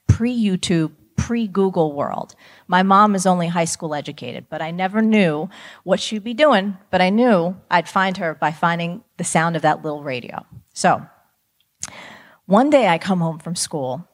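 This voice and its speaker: A woman from New Jersey giving a motivational talk to high school students, telling a lively personal story. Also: normal speed. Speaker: motivational speaker.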